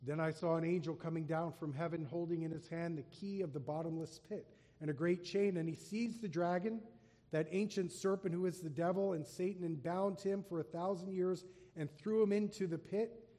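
A man preaching a sermon, reading scripture aloud with rising emphasis and slowing down on key phrases. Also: fairly high pitch, steady tone, mellow, in a large hall. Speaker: pastor.

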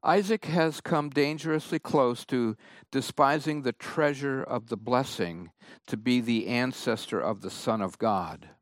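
A man preaching a sermon, reading and explaining scripture in a slow, emphatic way. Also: medium pitch, no room sound, clean studio sound. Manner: slow, emphatic Bible exposition.

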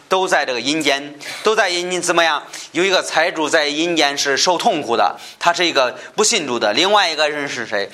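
A bright-voiced man teaching a halting Bible lesson. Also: a little high. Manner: halting, with many fillers and repeated phrases; asks rhetorical questions and answers them.

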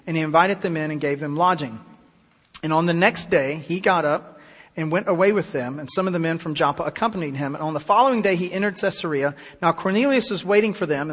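Emphatic high-voiced male preacher, hall reverb. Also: fairly bright tone. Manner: emphatic, slows down on key words; reads scripture aloud then comments. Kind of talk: sermon.

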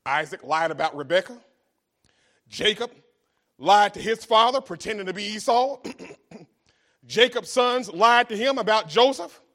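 High-voiced preacher, loud and soft. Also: male voice, expressive, measured pace, long pauses. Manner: preachy, swings from hushed asides to shouted exhortation. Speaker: pastor. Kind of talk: sermon.

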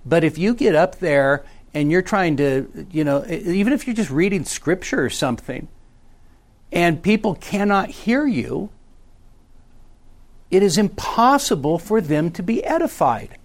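Middle-aged pastor guy teaching a class, slow and deliberate, keeps saying okay? right?, pretty lively with his pitch. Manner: conversational, checks in with frequent "okay?" and "right?"; varies pitch and pace for emphasis. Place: church meeting room with a small class.

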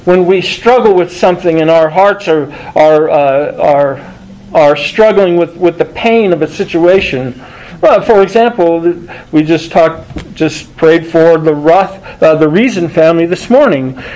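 A male pastor delivering a morning sermon at an unhurried pace. His voice sits high for a man. He leans hard on key words and often circles back to restart a phrase. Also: darkish tone, poor audio. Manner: slow, deliberate preaching with many restarts, emphatic stresses.

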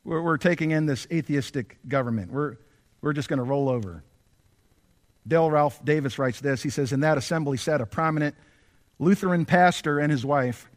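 A male pastor preaching a sermon, impassioned and building to near-shouts as he voices prayers. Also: on the high side, normal speed. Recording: long reverb of a large hall.

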